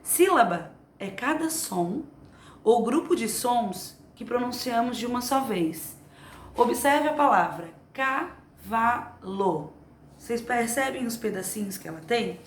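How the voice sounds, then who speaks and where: A woman teacher giving a remote lesson to young children, explaining slowly and patiently. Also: fairly high pitch, lively intonation, a little hiss or hum. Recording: echoey room, faint ambience.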